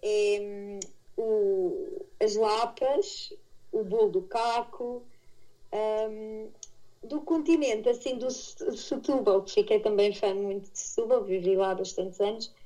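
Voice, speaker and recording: In a rough recording, a middle-aged Portuguese-accented woman from Madeira, an expatriate aviation instructor, gives casual conversational answers as an interview guest. Her mid-range voice is steady and warm, and she takes it slowly, correcting herself as she tells her stories.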